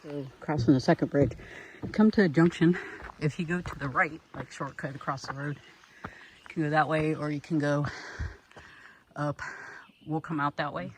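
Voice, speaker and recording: Man, hiking vlogger, out of breath, slightly high voice, noisy outdoor camera audio. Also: fairly even intonation, normal speed, long pauses. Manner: breathing heavy while walking uphill. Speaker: hiker vlogger. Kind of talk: casual narration while hiking. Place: outdoors on a forest trail.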